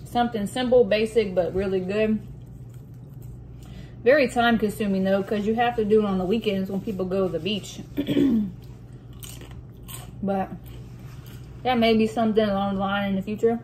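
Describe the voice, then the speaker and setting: A woman chatting casually as a vlog host while eating soup in a mukbang, reading out questions and pausing to clear her throat. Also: medium pitch, darkish tone, rough recording. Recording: noticeable room noise with dish and cutlery clatter. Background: clinking cutlery and dishes.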